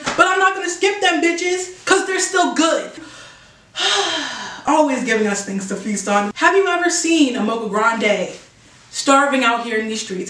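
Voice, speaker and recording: A woman hosting a music reaction video, talking casually and excitedly, swearing often, laughing and singing along. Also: high-pitched. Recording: roomy echo, mic at a distance, music playing. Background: song playing.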